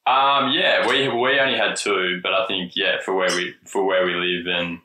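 Bright-voiced man in his twenties. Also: deep voice, normal speed, echoey room, low-quality recording. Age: 20s. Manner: relaxed, rambling, many fillers. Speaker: podcast guest. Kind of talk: casual chat.

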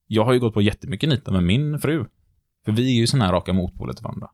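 A man tells stories in a relaxed podcast chat. He is a lecturer and acts out what people said in his stories. The sound is close and dry, with no room echo. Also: on the low side. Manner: lively storyteller who acts out the quotes. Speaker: lecturer on behaviour and body language. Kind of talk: casual podcast chat, storytelling.

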